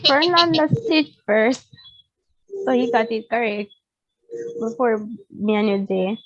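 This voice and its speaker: A fairly high-voiced woman who speaks slowly and playfully, often laughing between words. Her voice sounds dry and comes through dull lo-fi call audio. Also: no room sound. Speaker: club member reading the chat.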